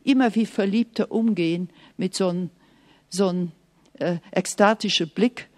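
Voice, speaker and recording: A woman preaching a sermon in an earnest, emphatic way, sometimes dropping to soft, hushed asides and speaking straight to the listener. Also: mid-range voice, moderate pace. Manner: speaks directly to the listener, often asking "Okay?".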